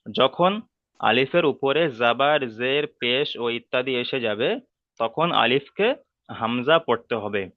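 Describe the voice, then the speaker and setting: A man teaching letter sounds in an online class, patient and repeating each rule slowly. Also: mid-range voice, dry recording, highs cut off. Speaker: Quran reading teacher.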